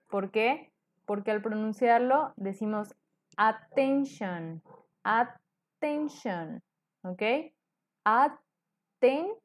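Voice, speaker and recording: A woman takes her students through a lesson at an unhurried, deliberate pace. She explains each point patiently and keeps checking in with a quick "ok?". Her voice sits at an ordinary middle pitch. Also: warm tone. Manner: slow, patient, asks "ok?" after nearly every phrase. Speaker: English teacher.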